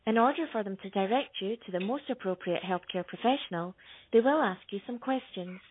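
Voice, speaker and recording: A woman reading a recorded phone menu message in a measured, formal way. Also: medium pitch, husky. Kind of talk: scripted automated announcement. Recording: tinny phone line with faint hiss.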